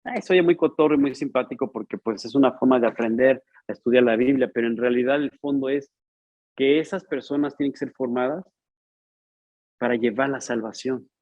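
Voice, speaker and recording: A man's voice: medium pitch, brisk, darkish tone, no echo, dull audio. A man preaching a sermon in a conversational, storytelling way, acting out the dialogue. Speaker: pastor.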